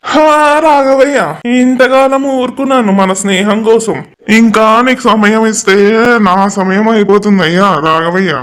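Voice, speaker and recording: A man's voice: high voice, normal speed, fairly bright tone, low-quality recording. A man with a Telugu accent voicing the men in a cartoon moral story, stern and scolding. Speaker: storyteller voicing the male characters.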